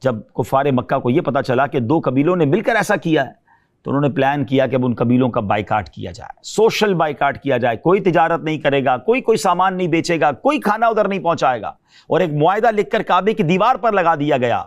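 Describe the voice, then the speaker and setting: A man giving an emotional religious storytelling sermon. He speaks straight to his listeners and recites verse slowly and with feeling. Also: on the high side, lively intonation. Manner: impassioned, addresses listeners directly. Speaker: Islamic preacher.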